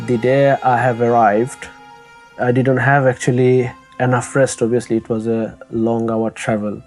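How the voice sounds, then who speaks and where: A young man, telling his own story in a halting, soft-spoken way with many pauses and restarts. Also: medium pitch. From Bangladesh. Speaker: interviewee. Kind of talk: personal testimony.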